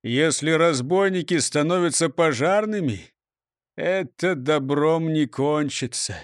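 A man's voice: on the high side, measured pace, no echo, clean studio sound, natural voice. A man voicing a pompous, boastful police chief who talks down to everyone. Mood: grudging. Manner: pompous, mocking.

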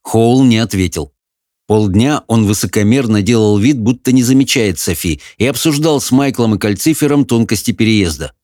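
A man's voice: on the low side, animated, moderate pace, darkish tone, no echo, studio quality. Man narrating a storybook. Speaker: audiobook narrator. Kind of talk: expressive audiobook narration.

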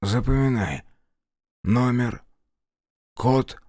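A man voicing a badly wounded young man who wheezes out his words in a weak, hoarse voice. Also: mid-range voice, extremely slow, darkish tone, no echo, clean studio sound. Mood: weak insistent.

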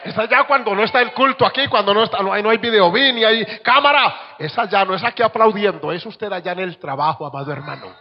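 A man preaching a sermon as pastor, swinging from soft asides to shouted exhortations. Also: high-pitched, quick pace, few pauses, muffled recording.

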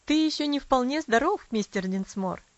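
A woman's voice: high voice, animated, normal speed, no echo. A cool society lady visitor talks in an offhand, slightly raised voice, as a woman reader voices her. The track is dry and a touch dull.

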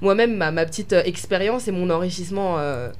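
A young adult woman from France, a pageant winner, answers interview questions in a lowish voice at a slightly fast pace, hesitating often with lots of fillers and restarts.

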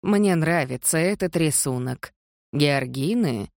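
An audiobook reader voicing a shrewd, blunt great-aunt in her nineties or older, in a slow, deliberate delivery. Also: mid-range voice, lively intonation, vocal fry, dry recording, studio quality. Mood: pointed. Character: sharp-eyed elderly great-aunt, blunt.

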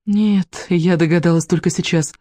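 A reader voicing a caring mother who turns fiercely protective, gentle with children and sharp with an officer, in a storybook reading. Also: mid-range voice, steady tone, normal speed, no room sound, studio quality, natural voice. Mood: tender. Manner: tender, then indignant. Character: caring mother, brave and fiery when protecting.

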